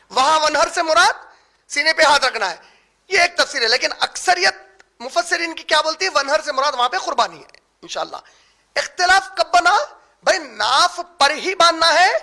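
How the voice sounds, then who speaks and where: A man with a high voice teaches a religious lecture as an Islamic teacher. His tone is bright and sharp. He explains step by step, asks his listeners rhetorical questions and drops English words into his speech. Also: gravelly.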